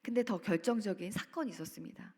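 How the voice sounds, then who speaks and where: A woman's voice: mid-range voice, fast, a little mellow, breathy edge. A woman speaker at a church family seminar retells a story dramatically, acting out quotes with sudden leaps in her voice. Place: church retreat center hall. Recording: reverberant hall.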